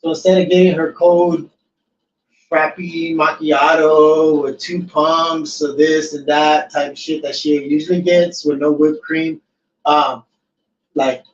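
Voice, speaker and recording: A man hosting a casual podcast chat, laid-back and swearing freely as he tells stories. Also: on the high side. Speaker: podcast host. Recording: echoey, distant, dull room mic with faint noise.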